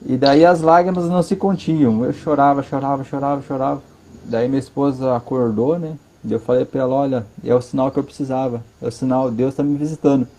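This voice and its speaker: Earnest Brazilian man, dark mellow voice. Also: mid-range voice, steady tone. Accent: Brazilian Portuguese. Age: adult, father of a five-year-old. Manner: earnest, halting, repeats words for emphasis. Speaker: interview guest. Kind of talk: personal testimony in conversation. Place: his living room at home.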